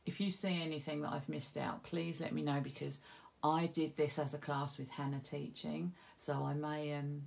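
A woman's voice: sits low, flat delivery, moderate pace, vocal fry, a little mellow. A woman hosting a craft video, chatting and giggling through rambling stories, a little stuffy from hay fever. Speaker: craft tutorial host. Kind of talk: casual chat to viewers.

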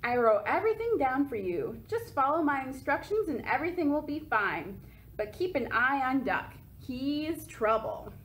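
A woman's voice: high voice, very animated, moderate pace, fairly bright tone, slight background noise, rough recording. Woman reading as a fussy, worried farmer. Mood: instructing.

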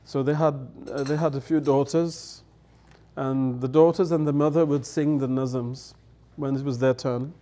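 The elder guest, a middle-aged man and native English speaker, recounts stories in a relaxed, chatty way at a table on a studio set framed by dark curtains, laughing and playing out the quotes. He has a warm, steady, medium-pitched voice at a normal speed.

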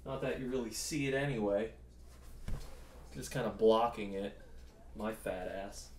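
A man's voice: fairly low pitch, a little slow, a little mellow, echoey room, slight background noise. A man talking to himself in a casual vlog, self-deprecating and out of breath. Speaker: YouTuber.

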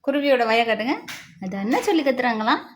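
A woman's voice: fairly high pitch, animated, fast talker, a little hiss or hum. A woman with a Tamil accent, talking to her pet cats in playful baby talk, doting and teasing with mock alarm.

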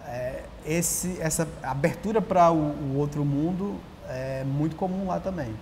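In casual interview talk, a thirtysomething Brazilian writer and journalist spins lively stories, frequently restarting his lines, at a measured pace and fairly high pitch. His lapel mic picks up the lingering echo of a large empty auditorium and a faint hiss.

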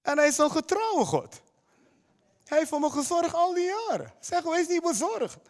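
A man's voice: very high voice, big pitch swings, moderate pace, big-room sound. A man preaching a sermon as pastor, emphatic, often putting direct questions to the congregation. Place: church hall.

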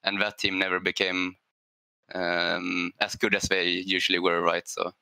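Low, crisp-voiced man, musing with fillers. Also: level tone, unhurried, bright, forceful tone, dry recording. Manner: thoughtful, hesitant, with many fillers and "right?" tags. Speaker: esports player on a structured team. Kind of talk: panel discussion on a gaming show.

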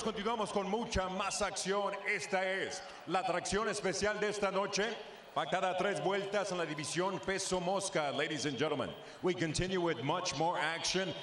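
A man doing booming, theatrical, bilingual ring announcing like a lucha libre announcer, stretching out the big moments. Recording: echoey arena microphone with loud background noise.

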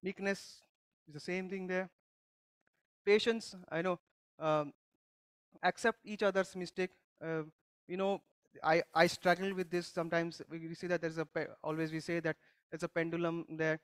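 A man with a high voice preaches a conversational church sermon. He often stops to put questions to the congregation and restarts his sentences as he goes. His voice sounds dry and close. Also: level tone, moderate pace, pauses often, fairly bright tone, smooth, dry recording. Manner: teaching with frequent questions to the congregation and many restarts. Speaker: pastor. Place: church service.

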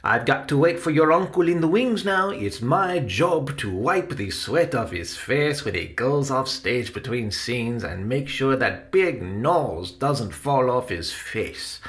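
A man voicing a kindly adult backstage helper who explains things gently, in an audiobook. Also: mid-range voice. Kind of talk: audiobook character voice.

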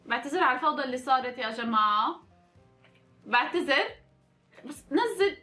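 Lively high-voiced young Levantine woman. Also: moderate pace, soft background music. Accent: Levantine Arabic. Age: 20s. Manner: animated, teasing, mock-angry outbursts to viewers. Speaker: vlogger. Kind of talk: playful gameplay commentary.

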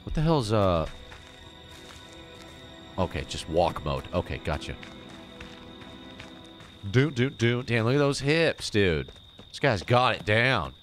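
A man's voice: fairly low pitch, very animated, slow pace, pauses often, soft background music. A man hosting a live stream, chatting to viewers while playing a game. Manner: chatty, thanking and talking to chat while playing. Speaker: streamer host. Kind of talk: live gameplay commentary.

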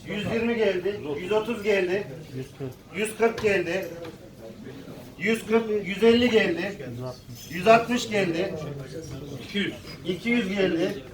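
A man's voice: high-pitched, slow, pauses often. A man working as a live auctioneer, calling out bids in repetitive, chanted phrases. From Turkey, Konya region. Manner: repetitive chanted bid calls. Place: echoey auction room with audience. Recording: echoey hall, distant mic, crowd chatter.

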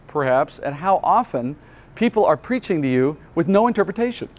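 A male pastor giving a Bible teaching at a conference, explaining earnestly step by step and asking rhetorical questions. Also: high voice. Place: conference hall.

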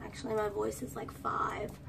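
In this get-ready-with-me vlog, a woman in her twenties with a high, girlish, gravelly voice rambles through a storytime while doing her hair, breaking into bits of songs. Her delivery is completely flat at a normal pace. A phone held at arm's length in a small room picks her up from a distance, with faint room ambience and background noise.

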